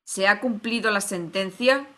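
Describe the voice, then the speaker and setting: A woman's voice: on the low side, animated, slow pace. Woman voicing a shrieking, imperious card queen. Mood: furious shouting. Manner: imperious, shouting orders. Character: haughty, furious queen of playing cards. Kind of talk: storybook reading.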